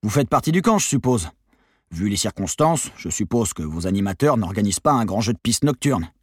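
Guy doing a gruff old reporter, pushy questions, dry and husky. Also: fairly low pitch, very animated, brisk, no echo. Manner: gruff, probing. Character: grizzled gun-toting male reporter, gruff and pressed.

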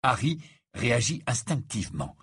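A man reading a novel aloud as audiobook narrator, measured and expressive. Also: medium pitch, husky, no echo, clean studio sound. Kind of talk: scripted narration.

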